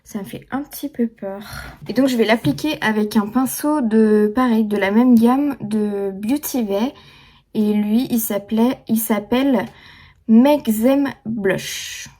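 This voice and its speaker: A woman's voice: on the high side, unhurried, warm tone. A young woman chatting casually through a makeup tutorial, full of fillers and restarts. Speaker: beauty vlogger.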